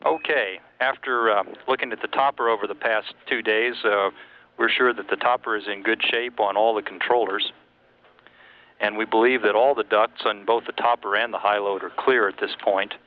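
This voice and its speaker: A man working as a capcom, giving measured, procedural briefings in an astronaut radio exchange. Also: on the low side, steady tone, phone-quality sound. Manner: measured, procedural, matter-of-fact. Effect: space radio link. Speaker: capcom at mission control. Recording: thin radio link, faint noise.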